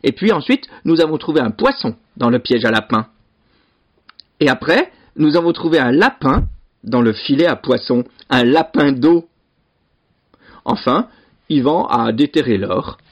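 A man's voice: mid-range voice, sing-song, measured pace, breathy edge. A man voicing a simple-minded, chattering young peasant brother who is naive and eager. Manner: naive and eager, blurts things out. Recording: dull lo-fi recording.

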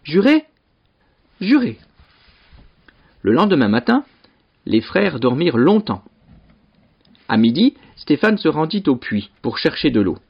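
A man reading a fairy tale aloud as a storyteller, slow and expressive. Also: medium pitch, vocal fry, slightly rough. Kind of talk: scripted storybook narration. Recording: dull lo-fi broadcast recording.

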